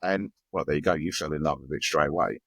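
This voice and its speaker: Deep-voiced Essex guy, casual. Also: fast talker, fairly bright tone, breathy edge, no room sound, clean studio sound. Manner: chatty, conversational tag questions. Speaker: podcast co-host. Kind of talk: casual chat.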